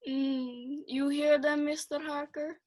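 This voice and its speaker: A young woman playing a sinister vampire count in a student radio play, speaking with slow, courtly menace. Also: high voice, level tone, a little mellow.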